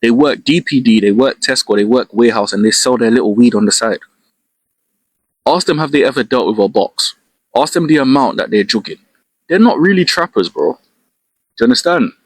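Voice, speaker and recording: A man's voice: medium pitch, animated, a little fast, no room sound. Young London man lecturing in slang. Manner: street slang, lecturing, emphatic. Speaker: social media creator. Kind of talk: casual advice monologue.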